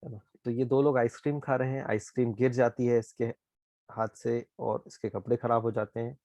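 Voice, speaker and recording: A man with an Indian accent, a Japanese teacher explaining words slowly and asking "ठीक है?" often. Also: mid-range voice, level tone, dark tone, no room sound. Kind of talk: online class explanation.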